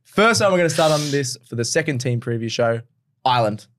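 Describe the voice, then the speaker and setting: A man hosting a casual sports podcast, talking quickly and excitably and laughing often. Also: medium pitch. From Scotland. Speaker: podcast host.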